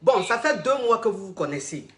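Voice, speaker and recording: A woman's voice: mid-range voice, very animated, fairly quick, reverberant, a little hiss or hum. A woman, coaching callers on a live stream in a crude, teasing, repetitive way and often laughing. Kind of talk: livestream advice chat.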